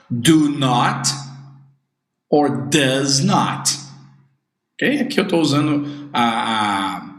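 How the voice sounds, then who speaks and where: A man with a Brazilian accent, a native Portuguese speaker, teaching an online English lesson in a lively way and drilling phrases for the viewer to repeat. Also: on the high side.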